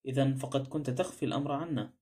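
A blunt ex-detective, voiced by a man reading a mystery novel aloud, prying and suspicious. His lines come fast, carried by a mellow, dark tone. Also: medium pitch, fairly even intonation, lightly acted. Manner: blunt, probing.

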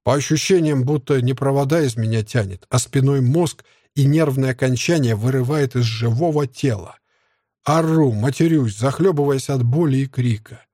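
A man's voice: mid-range voice, normal speed, warm tone, no room sound, clean studio sound. A man narrating a first-person audiobook with an intense, pained manner. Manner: intense, pained, tense storytelling.

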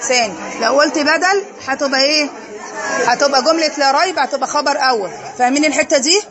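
A woman's voice: high voice, quick pace, a crowd in the background. A woman teacher with an Egyptian accent giving a classroom lesson, posing questions and answering them herself. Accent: Egyptian Arabic.

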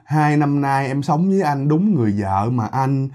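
A man's voice: mid-range voice, animated, warm tone, close to an everyday voice. A man putting on a weeping ghost wife, begging. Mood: slow pleading. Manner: pleading, tearful, drawn-out. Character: weeping female ghost head begging her husband.

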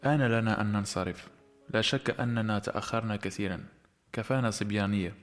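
A man reading the lines of an emotional young woman in an audiobook, in his own low voice with an earnest, pleading manner. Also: fast talker, faint music behind, lightly acted. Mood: tender.

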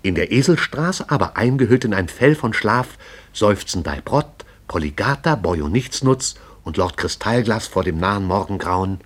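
This is scripted narration for a broadcast drama, voiced by a man with a husky, slightly low tone. His pacing is measured and story-like, and his intonation is lively.

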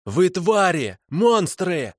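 A man's voice: mid-range voice, sing-song, normal speed, a little mellow, dry recording, studio quality. A man voicing a fanatical, embittered male prisoner who spits out spiteful accusations. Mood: screaming.

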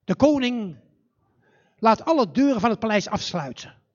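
A man telling a fairy tale live in a church, in a slow, dramatic and animated way. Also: high-pitched, muffled recording. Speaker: storyteller.

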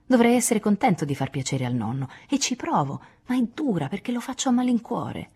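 A woman voicing a restless, excitable teenage boy who resents his duties in a storybook reading. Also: sits low, a little fast, slightly rough, exaggerated voice. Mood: rebellious. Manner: excitable, rebellious.

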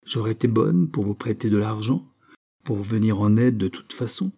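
A man voicing a scheming, spiteful middle-aged woman in an audiobook reading, with a shrill, mocking delivery. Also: normal speed, dark tone, breathy edge.

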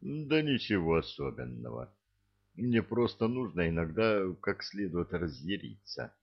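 A mighty thunder god, as a man reading a story puts him on answers in a mild, offhand tone. His voice is low, slow and gravelly. The audiobook recording sounds dull and lo-fi. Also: very animated, heavily acted. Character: calm mighty male thunder god, casual.

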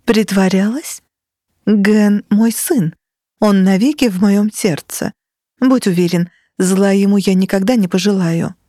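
A woman's voice: medium pitch, unhurried, dark tone, dry recording, clean studio sound, natural voice. A woman voicing a cold, domineering sorceress mother in an audiobook, speaking in an icy, scolding, sharply emphatic way. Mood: cloying sweetness. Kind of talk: audiobook character reading.

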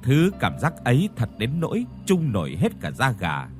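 A man narrating a ghost story audiobook in an expressive storytelling manner. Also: mid-range voice, moderate pace, faint music behind.

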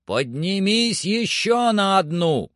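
Legrand: a man voicing a shrill frantic shouter. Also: expressive, slow pace, dry recording, studio quality. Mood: commanding. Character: agitated excitable man shouting up from below.

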